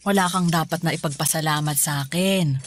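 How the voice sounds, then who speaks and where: An actress playing a caring, hardworking single mother in a radio drama, speaking tenderly and insisting gently. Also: sits low, a little fast, slight background noise, close to an everyday voice.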